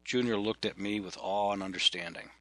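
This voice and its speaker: A man's voice: lowish voice, steady tone, brisk, fairly bright tone, no room sound. A man narrating a personal story in a dry, wry manner. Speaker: memoir narrator.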